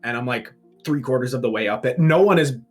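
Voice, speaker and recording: A young man talking fast on a casual podcast. He tells stories with animated energy and swears freely. His pitch sits in the middle of the male range. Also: faint music behind. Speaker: podcast co-host.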